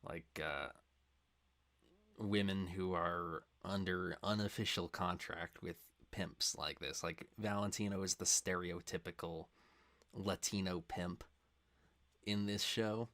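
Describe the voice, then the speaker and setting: A young man hosting a reaction video, talking in a rambling, filler-heavy way that swings into loud, impassioned rants. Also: low-pitched, steady tone, slow pace. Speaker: reaction channel host. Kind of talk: casual reaction commentary.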